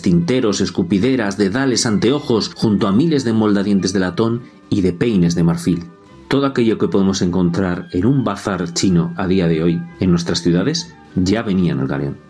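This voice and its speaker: A man giving a measured, scripted historical narration. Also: deep voice, darkish tone. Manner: measured, descriptive storytelling.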